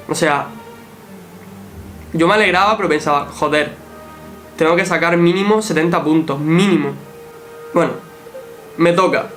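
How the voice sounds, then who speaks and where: A young man with a high voice tells his story in a loose, animated vlog style. He swears freely and acts out what people said to him. Faint music plays underneath. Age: young adult. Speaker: athlete recounting his show run. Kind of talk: casual storytelling vlog commentary.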